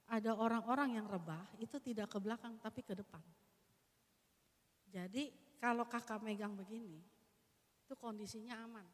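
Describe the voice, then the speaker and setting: A woman leading a church training session for children's ministry teachers, talking casually and acting out prayers and little scenes as she demonstrates. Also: on the high side. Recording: long reverb of a hall.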